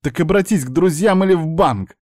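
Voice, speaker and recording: A man reading an audiobook, voicing a young blonde woman who snaps and shouts at her uncle. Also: a little high, sing-song, normal speed, dry recording, clean studio sound, voice pushed up. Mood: furious. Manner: raised, snapping and shouting delivery. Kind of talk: audiobook character voice.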